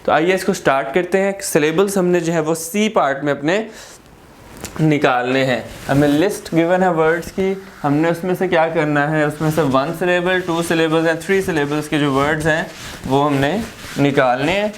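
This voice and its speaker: A man with a Pakistani accent teaching a grammar lesson, explaining slowly, repeating words and asking rhetorical questions. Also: fairly high pitch, slight background noise.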